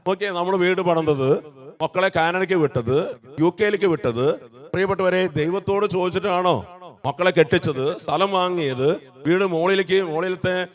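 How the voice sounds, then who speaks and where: A preacher in full call-and-response mode, throwing questions to the congregation and pressing them to answer aloud. His voice sits a little high for a man. He repeats key phrases and pushes the crowd to echo them. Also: moderate pace. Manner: exhorts the congregation to repeat after him; asks the crowd questions and prompts replies.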